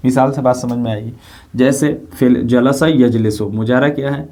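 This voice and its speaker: Patient man teaching grammar, dark voice. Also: medium pitch, steady tone, normal speed. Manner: patient, repeats points, often asks rhetorical check questions. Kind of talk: classroom lecture explaining grammar.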